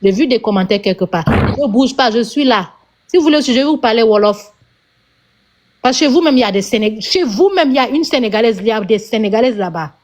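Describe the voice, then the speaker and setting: A woman's voice: on the high side, lively intonation, quick pace, darkish tone. Scolding Senegalese-accented woman. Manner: emphatic, lecturing, repeats herself. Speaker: panelist on a live stream. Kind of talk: scolding rant on a live stream.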